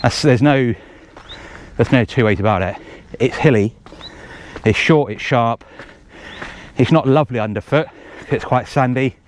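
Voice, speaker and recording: A man's voice: medium pitch, unhurried, a little hiss or hum. A man organising a race, chatting casually and out of breath as he runs a forest trail, rambling with jokey asides. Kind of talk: casual running commentary.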